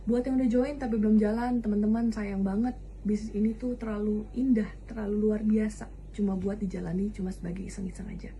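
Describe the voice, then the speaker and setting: A woman in her thirties talks through an upbeat recruiting pitch, counting off reasons with energy. Her voice is very dark and mellow. There is a faint hiss behind her. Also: fairly even intonation, fairly quick. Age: 30s. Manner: enthusiastic, listing reasons with "nah". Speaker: insurance agent giving a testimonial.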